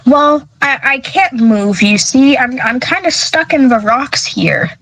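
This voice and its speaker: A woman's voice: sits high, animated, measured pace, a bit bright, exaggerated voice, poor audio. A woman voicing a meek, stammering giant clam. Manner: hesitant, stammering. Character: huge stuck male clam, meek and homesick.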